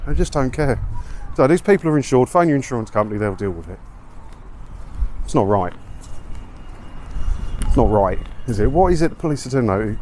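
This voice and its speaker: With windy street noise in the background, a man strolls an English seaside town hosting a commentary video. His mid-range, darkish voice is expressive and a little fast, broken by long pauses, as he grumbles sardonically about the news and poses rhetorical questions.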